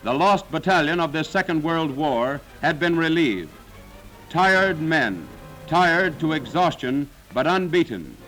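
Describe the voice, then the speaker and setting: A man's voice: on the high side, expressive, measured pace, a bit bright, soft background music, rough recording. A man narrating a 1940s wartime newsreel in a dramatic, solemn, declaiming manner.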